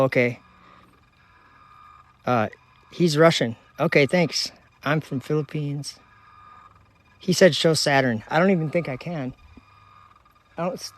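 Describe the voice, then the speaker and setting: A man from Minnesota hosting a casual outdoor livestream at night, chattily reading viewer comments and locations aloud while he runs a telescope. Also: medium pitch. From Minnesota, United States. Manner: relaxed, reads viewer locations aloud in a chatty running list. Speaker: livestream host.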